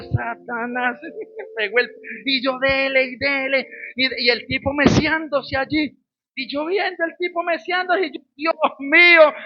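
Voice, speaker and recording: A man from Colombia with a Colombian Spanish accent, preaching a sermon with lively storytelling that rises into shouted exhortation. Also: very high voice, dull audio. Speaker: pastor.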